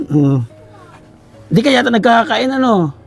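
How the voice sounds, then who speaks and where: A man's voice: very high voice, big pitch swings, normal speed, creaky, soft background music. A man hosting a vlog, chatting casually and teasing his guest outdoors at a rural house. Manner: playful, teasing. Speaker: vlogger host. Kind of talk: casual chat.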